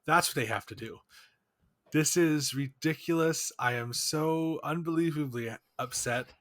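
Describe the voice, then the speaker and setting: A man's voice: fairly high pitch, measured pace, no room sound, clean studio sound. A man co-hosting a casual podcast, venting with sighs, restarts and trailing thoughts. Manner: exasperated, rambling with restarts and sighs. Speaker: podcast co-host. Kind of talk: casual chat.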